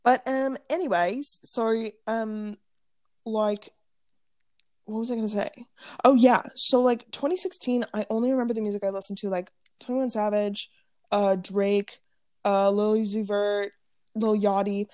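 A woman's voice: medium pitch, fairly even intonation, measured pace, darkish tone, no room sound. Teen girl rambling on a podcast, giggly and slangy, super dry close sound. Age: teens. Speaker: podcast co-host. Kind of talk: casual chat.

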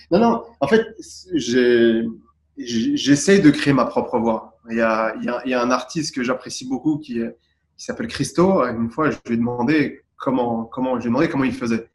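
Man from Tunisia, interview guest, thoughtful and measured, average pitch, roomy recording. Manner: thoughtful, searching for words. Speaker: guest artist. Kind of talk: interview answers. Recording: roomy echo.

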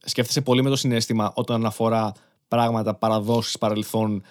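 A young man hosting a casual podcast, relaxed and agreeable, laughing along with his guest. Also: on the low side. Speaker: podcast host.

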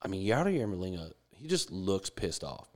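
A man's voice: deep voice, big pitch swings, moderate pace. A man ranting about baseball in a heated, profane, swaggering way, swearing freely. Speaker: sports commentator. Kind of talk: profane sports rant.

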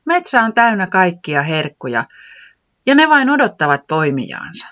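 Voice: medium pitch, wildly swooping pitch, bright, forceful tone, muffled recording, pitched above the performer's own voice. A storyteller voicing a cheerful forest creature who loves autumn, in a children's storybook reading. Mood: cheery.

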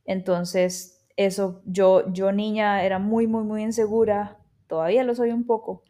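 A woman's voice: medium pitch, flat delivery, dark tone. A woman, telling her life story in a candid, reflective way on her own show. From Argentina, raised in Costa Rica. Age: 30s. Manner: reflective, candid, with pauses and restarts. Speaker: podcast host. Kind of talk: personal storytelling monologue.

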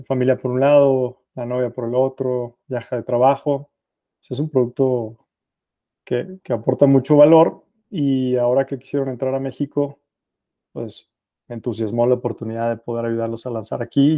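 A middle-aged man with a Mexican accent talks through a podcast interview as the guest. His voice is dark and mellow, and he tells his story in a relaxed, self-deprecating way. The recording is dry and close. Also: medium pitch, dry recording.

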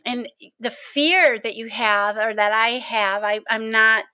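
A woman co-hosting a casual book chat, telling stories in an animated way and laughing often. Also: fairly high pitch, slow, dry recording. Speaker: co-host of a book discussion.

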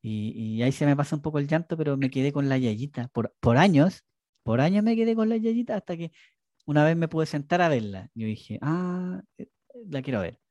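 A man's voice: fairly high pitch, animated, fairly quick, darkish tone, no echo, dull audio. A young adult Chilean man co-hosting a casual podcast chat, joking and telling stories with playful repetitions. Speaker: podcast co-host.

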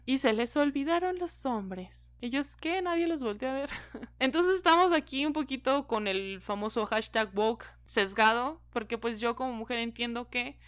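Mexican woman chatting to her viewers, blunt and sweary, clean smooth voice, dry close sound. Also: a little high, a bit bright, no echo. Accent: Mexican Spanish. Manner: frank and profane, laughing often. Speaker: vlogger. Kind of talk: casual monologue to viewers.

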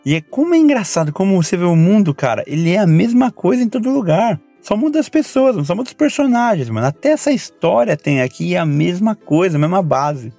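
A man in his thirties with a Brazilian accent, a father talking casually to his son in a recorded birthday message, full of slang and animated retellings. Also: high-pitched, a little fast, few pauses, dry recording. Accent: Brazilian Portuguese. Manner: slangy, rambling, animated when retelling stories. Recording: faint music behind.

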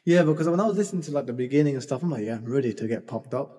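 A man co-hosting a casual album review chat, quick and enthusiastic, repeating words as he talks. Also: medium pitch, expressive, mellow, breathy edge, long reverb tail. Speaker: podcast co-host.

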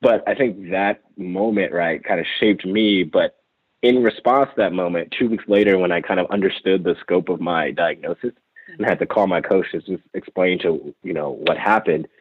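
A young man with a very low, husky voice tells his story in an interview. He is reflective and keeps restarting his sentences. He comes through a thin, phone-like line with a dry, close sound. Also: normal speed, no room sound. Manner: reflective, many fillers and restarts. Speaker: interview guest, former college lacrosse player.

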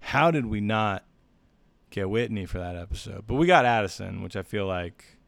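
A man co-hosting a podcast in casual chat, rambling with jokey deadpan asides. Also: lowish voice, moderate pace, vocal fry, no room sound. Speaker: podcast co-host.

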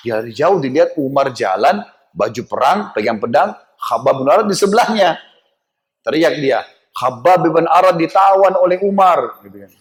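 Man, storytelling preacher, animated delivery, fairly high voice. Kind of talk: storytelling sermon.

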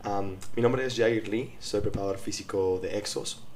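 A man with a Mexican accent, a strength coach from Mexico City, telling his career story calmly with many fillers, recorded in a hotel room. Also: on the low side, moderate pace, slight background noise. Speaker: guest, strength and conditioning coach. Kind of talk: casual podcast interview. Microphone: portable recording kit.

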